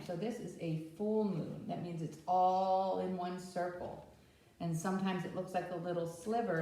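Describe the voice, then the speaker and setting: This storytime presenter has a mellow voice on the low side and mixes read-aloud with simple teaching, regularly asking the children questions. The recording sounds distant and very echoey.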